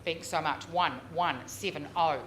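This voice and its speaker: A woman working as a real estate auctioneer, calling bids live with drawn-out repeated figures and chatty coaxing of bidders. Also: low voice, steady tone, a bit bright. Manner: drawn-out, repeated bid calls. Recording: noisy live auction room.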